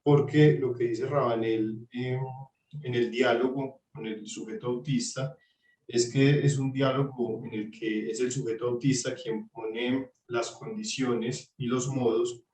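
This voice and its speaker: A man with a Colombian Spanish accent contributes to an online class in an earnest, measured tone. His delivery is flat and even. He sounds roomy and set back from the mic, as on a distant video call. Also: mid-range voice. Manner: earnest, measured, citing readings. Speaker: student participant.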